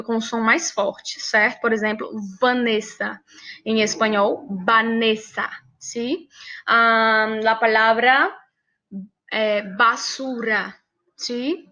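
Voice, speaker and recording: A Brazilian woman gives a slow classroom lesson, stretching out her words and pausing often. Her voice is fairly high and bright, and she keeps checking that her students follow. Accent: Brazilian Portuguese. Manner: patient, repeats words and asks for agreement. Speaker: Spanish teacher. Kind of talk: classroom lesson, mixing Portuguese and Spanish.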